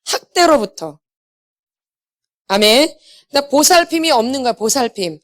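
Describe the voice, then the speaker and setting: Speaking in a high voice with lively intonation at a moderate pace, a middle-aged inner healing ministry lecturer addresses a church healing seminar in a meeting hall. She's emphatic, quizzes her listeners, and drifts into blunt, casual talk.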